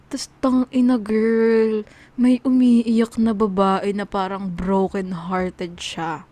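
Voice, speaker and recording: A woman's voice: mid-range voice, flat delivery, slow, mellow, no room sound. A young woman casually telling a story to friends, rambling with lots of fillers and swearing. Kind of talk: casual chat.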